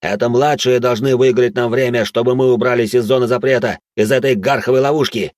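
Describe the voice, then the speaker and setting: A man's voice: brisk, a little mellow, no room sound, studio quality, close to an everyday voice. A man voicing a cowardly male lord in an audiobook who pleads and shrieks in panic. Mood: hysterical. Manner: shrill, pleading, hysterical.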